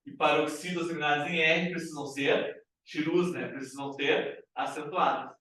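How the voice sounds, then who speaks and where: A man with a Brazilian Portuguese accent teaching a grammar class. His voice sits high for a man. He keeps checking in with the room through rhetorical questions. He is recorded from a distance in a very echoey classroom. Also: steady tone, normal speed, pushed and bright.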